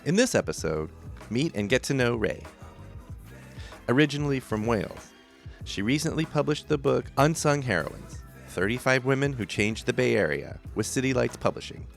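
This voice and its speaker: A man hosting a podcast interview, curious and playful, swearing casually in relaxed chat. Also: medium pitch, moderate pace, vocal fry, soft background music. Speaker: podcast host.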